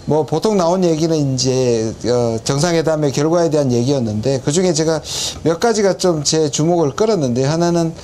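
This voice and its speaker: Higher-voiced man reporting as expert correspondent. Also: fairly quick, few pauses, warm tone, slight background noise. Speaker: professor acting as field correspondent. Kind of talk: conversational on-site report and commentary.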